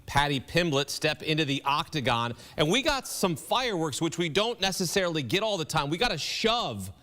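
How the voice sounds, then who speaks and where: A man's voice: on the high side, big pitch swings, moderate pace, pushed and bright. A man hosting a sports recap discussion from a studio set, putting questions to his panel. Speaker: sports show host.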